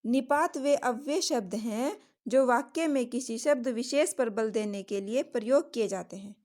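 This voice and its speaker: Slow, higher-voiced woman teacher. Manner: slow, steady explaining with examples. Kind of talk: Hindi grammar lesson.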